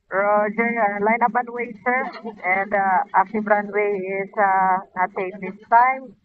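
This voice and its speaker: A woman's voice: medium pitch, fairly even intonation, takes it slowly. A woman air traffic controller, heard over the cockpit radio, using formal radio phrasing with hesitant fillers. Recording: tinny, distant radio transmission.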